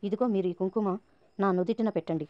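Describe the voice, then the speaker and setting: A woman's voice: mid-range voice, quick pace, dry recording, muffled recording, lightly acted. A woman narrator reading the lines of a naive, pushy young woman. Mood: impatient. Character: naive pushy young woman chasing her sister's husband.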